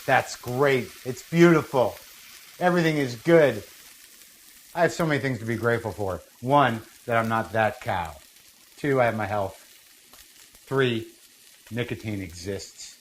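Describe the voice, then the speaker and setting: A man's voice: mid-range voice, measured pace, rough recording. A man with a mid-range voice hosts a casual cooking demo in a kitchen. He talks bluntly and wanders into rambling, sweary asides. Faint noise and sizzle sit behind his voice. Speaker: cooking show host.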